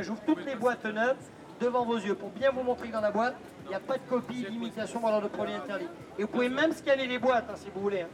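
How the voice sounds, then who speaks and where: Male fairground pitchman, high voice, loud insistent barker patter with teasing asides, outdoors amid a busy crowd. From France. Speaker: street-fair perfume pitchman. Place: outdoors at a busy street fair. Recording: outdoor street fair with crowd noise.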